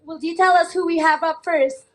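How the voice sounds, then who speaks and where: A woman with a hoarse, raspy, nearly lost voice, addressing a public rally as its host. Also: extremely high pitch, fairly even intonation, normal speed. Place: outdoor climate rally stage.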